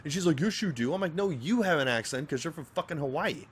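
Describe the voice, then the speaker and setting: A fast-talking man with a higher voice and a breathy edge co-hosts a casual podcast, bantering crudely with his co-host. He's from Northern Virginia, has a general American accent, and is animated, joking and swearing.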